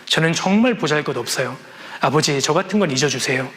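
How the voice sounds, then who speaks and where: A man's voice: on the high side, animated, brisk, a bit bright. A man voicing a despairing young man who apologizes to his father through tears. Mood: tearful. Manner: tearful, pleading apology. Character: despairing young man, a failed exam student. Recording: long reverb in a large hall.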